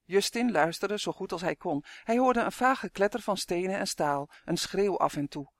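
A man's voice: high voice, lively intonation, normal speed, no echo, studio quality. A man narrating a fantasy storybook in a vivid, dramatic reading. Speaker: audiobook narrator.

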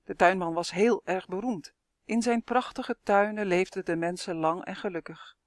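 A woman's voice: mid-range voice, normal speed, dry recording, clean studio sound. Woman reading a fairy tale aloud. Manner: clear, lively storytelling with voiced characters. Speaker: storyteller reading her own story.

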